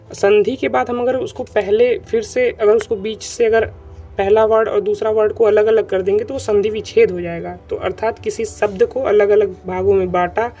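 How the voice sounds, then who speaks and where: A man with a high, warm voice teaches an online grammar lesson, repeating his points and checking that students are following. The recording is dull and lo-fi, with faint music underneath.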